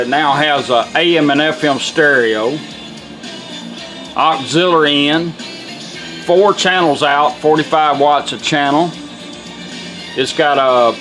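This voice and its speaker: A car radio restorer with a slightly high voice demonstrates a product in a casual, hands-on way. He walks through it step by step in plain, informal language, and the recording is rough.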